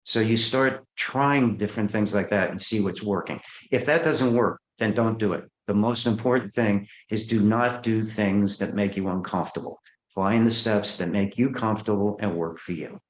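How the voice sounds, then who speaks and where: Low-voiced man, echoey room. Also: moderate pace. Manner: earnest, acts out client dialogue. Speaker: guest therapist. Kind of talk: interview storytelling.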